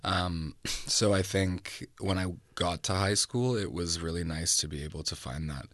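A man's voice: deep voice, steady tone, a little slow, fairly bright tone, no echo. A young man, a fashion designer guest talking easily and reflectively in an interview. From Canada. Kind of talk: relaxed interview conversation.

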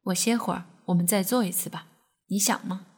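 A woman's voice: mid-range voice, brisk, slightly rough, close to an everyday voice. A woman voicing a boastful, eager male lover. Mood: boastful tender. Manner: pleased and boastful.

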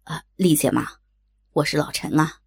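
Brief: gravelly, wheedling middle-aged man, low and husky, put on by a woman narrator. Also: moderate pace, heavily acted. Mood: friendly. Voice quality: raspy. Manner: wheedling, fawning. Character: hoarse pleading middle-aged male client.

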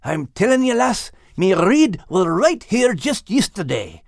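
A man's voice: high voice, big pitch swings, measured pace, no echo, studio quality, pitched above the performer's own voice, exaggerated voice. A man doing a growly Scots-grumbling beast. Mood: huffy. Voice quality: growly, gravelly. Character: gruff grumbling male animal, easily riled.

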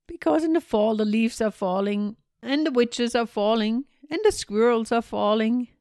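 A woman voicing a careful, fussy old male gnome in a storybook reading, in a gentle, chuckling way. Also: fairly high pitch, normal speed, no echo, clean studio sound, voice pushed up, lightly acted.

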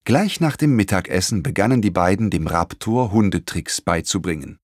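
A man narrating a children's storybook in an expressive, animated reading. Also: low voice, normal speed, no echo, studio quality. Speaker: audiobook narrator.

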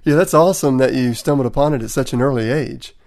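A man's voice: mid-range voice, fast, darkish tone. A man with a Southern accent from Tennessee, hosting a sales podcast and interviewing a guest. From Tennessee, USA. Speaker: podcast host.

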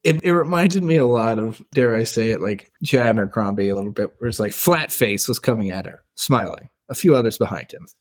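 A man's voice: lowish voice, brisk, few pauses, darkish tone. Laughing man recapping a fantasy book. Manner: retells scenes, reads quotes aloud, laughs often. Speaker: book podcast co-host. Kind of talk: casual book discussion.

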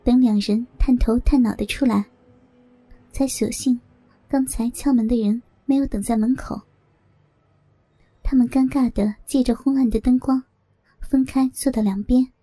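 Husky woman reading an adult story, a bit high, dry close sound. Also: steady tone, moderate pace, pauses often, dark tone, no echo, faint music behind, rough recording. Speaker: narrator. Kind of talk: adult audio story narration.

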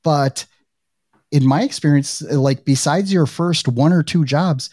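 A man's voice: a little high, measured pace, a little mellow, no echo, studio quality. A middle-aged man hosting a podcast interview, chatting casually with lots of "you know" and "right". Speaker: podcast host. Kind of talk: conversational interview.

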